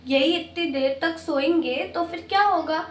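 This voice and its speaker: A woman's voice: extremely high pitch, moderate pace. Woman playing a harried grumbling mother. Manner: grumbling, fussing over chores. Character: harried mother and daughter-in-law. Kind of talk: comic family skit.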